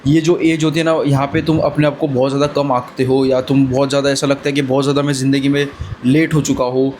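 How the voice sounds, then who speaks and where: A man's voice: medium pitch, flat delivery, quick pace, darkish tone, a little hiss or hum. A man in his twenties giving earnest, brotherly motivational advice in a casual talk to camera. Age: 20s. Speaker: vlogger.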